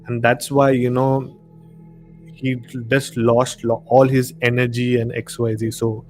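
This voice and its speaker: In a rough recording with faint music behind him, a live stream host with an Indian accent talks in a flat, measured, darkish mid-range voice. He hosts a casual discussion, rambling slightly and repeating words for emphasis. Background noise and room ambience are clearly audible.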